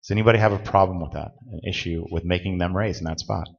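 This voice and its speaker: A man with a low, deep voice gives a conference presentation in a large hall, talking plainly and directly as he explains rules to the room. The audio is dull and lo-fi, with a long reverb trailing his words. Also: steady tone, fast, gravelly. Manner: plain-spoken, direct, instructive.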